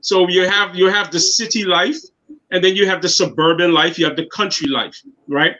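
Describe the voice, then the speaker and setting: Speaking at normal speed, this Guyanese city councilman in his 50s is a guest in a casual interview. He's earnest and tends to repeat words while working out what to say, his voice high and bright, captured in dull lo-fi audio.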